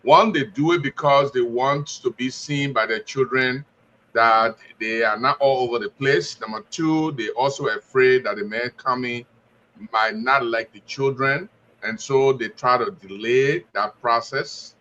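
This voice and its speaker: As a studio guest on a radio panel, a man confidently shares his opinions and tells stories with quoted dialogue. His medium-pitched voice is unhurried and sharp, with the highs cut off.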